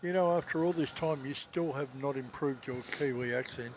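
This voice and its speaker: A man's voice: mid-range voice, fairly quick, slight background noise. A man hosting a live stream, calling out arriving flights in casual commentary. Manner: calls out arriving flights and reads viewer chat.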